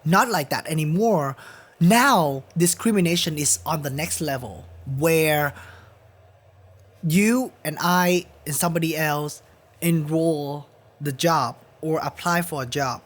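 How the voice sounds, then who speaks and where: A Vietnamese man speaking English as a second language, with a Vietnamese accent, appears as a guest musician on a podcast in a recording studio. His voice is a little high and fairly bright, and he talks slowly. In this casual interview he speaks earnestly and emphatically, repeating phrases to drive his point home.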